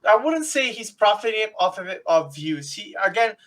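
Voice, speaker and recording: A man's voice: high-pitched, big pitch swings, moderate pace, a bit bright, a little hiss or hum. A man co-hosting a casual podcast, emphatic and insistent, often repeating himself. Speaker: podcast co-host.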